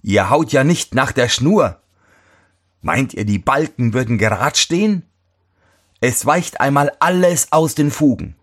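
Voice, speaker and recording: A man's voice: medium pitch, very animated, measured pace, breathy edge, voice pushed up. A man reading a fairy tale and voicing a fussy, irritable old master shoemaker who scolds everyone around him. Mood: scolding, indignant. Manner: scolding, shouting complaints.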